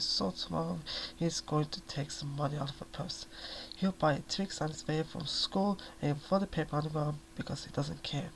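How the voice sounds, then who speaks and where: Soft-spoken man with a gravelly voice. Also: on the high side, a little hiss or hum, low-quality recording. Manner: gentle, hushed storytelling. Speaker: narrator. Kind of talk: soft-spoken ASMR reading.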